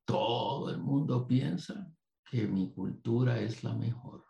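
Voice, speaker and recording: A man from Puerto Rico preaching a sermon at a conference, animated and digressive, with asides to the audience, in an echoey hall. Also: medium pitch, slow pace, gravelly, dull audio.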